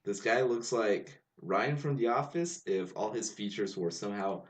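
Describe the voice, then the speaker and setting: A man's voice: lowish voice, moderate pace. A man co-hosting a podcast in casual chat, adding dry, sarcastic quips. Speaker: podcast co-host.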